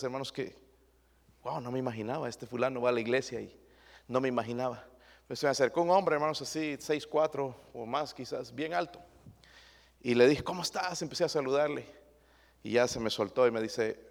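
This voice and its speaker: A male pastor, preaching a sermon that swings from quiet asides to loud, fervent rises. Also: medium pitch, long reverb tail. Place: church.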